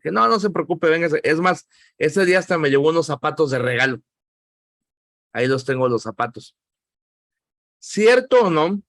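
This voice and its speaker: A man's voice: fairly high pitch, normal speed, long pauses, no echo, studio quality. A man with a Mexican Spanish accent teaching a Bible class in a preaching style, telling personal stories and often calling the listeners "hermanos". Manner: animated storyteller, often says "hermanos" and "¿verdad?", acts out quoted voices.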